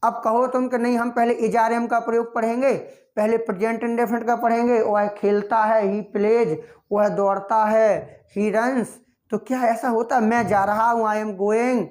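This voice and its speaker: A woman, her voice sitting a little high, teaches a class. She keeps putting questions to her students and answering them herself, and she talks to them as beta and bhaiya. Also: flat delivery, a little slow, a little mellow. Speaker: English teacher. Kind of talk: spoken classroom lesson.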